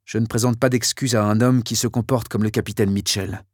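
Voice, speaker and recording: A man's voice: lowish voice, steady tone, fairly quick, no echo, clean studio sound, natural voice. A man voicing a blunt, defiant young lieutenant who won't apologize, for an audiobook. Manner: blunt, unapologetic. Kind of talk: audiobook character voice.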